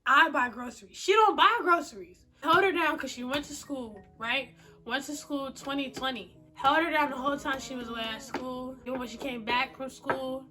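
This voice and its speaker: A young woman telling a personal story in a blunt, animated, slangy way, swearing freely. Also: high voice, moderate pace, faint music behind. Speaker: vlogger. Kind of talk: casual storytime vlog.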